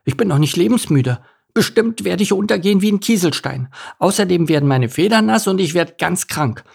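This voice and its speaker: A man's voice: high voice, expressive, brisk, gravelly, breathy edge, voice pushed up, exaggerated voice. A man voicing a timid, anxious young male duckling who mutters his worries in a storybook reading.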